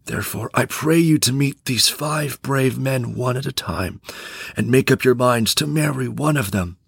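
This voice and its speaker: Guy doing a gravelly old bamboo cutter, gentle pleading grandpa type, dry close sound. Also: mid-range voice, normal speed, no echo. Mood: tender, pleading.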